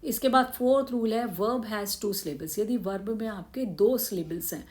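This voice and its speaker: A woman's voice: medium pitch, unhurried, darkish tone. A woman with an Indian accent teaching an English grammar lesson, explaining rules step by step and answering her own questions.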